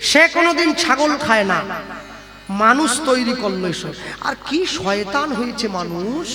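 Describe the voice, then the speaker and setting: A man telling devotional stories as a kirtan singer and preacher, in an animated, teasing way. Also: very high voice, normal speed. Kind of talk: devotional storytelling sermon with song. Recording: echoey hall with live music. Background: devotional music.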